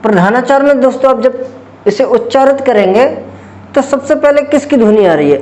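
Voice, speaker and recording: A man's voice: extremely high pitch, animated, fairly quick, a little mellow, slight background noise. A man teaching a grammar lesson for exam preparation, explaining step by step and answering his own questions as he goes.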